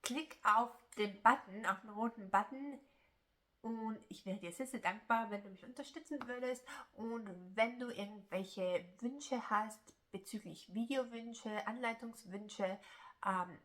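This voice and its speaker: A young woman from German-speaking Switzerland, whose first language is Italian, chats through her crochet vlog with a Swiss German accent. Her voice is bright, clear, a little high and unhurried, and she rambles loosely with plenty of filler sounds, hesitations and restarts. There's a little hiss or hum in the audio.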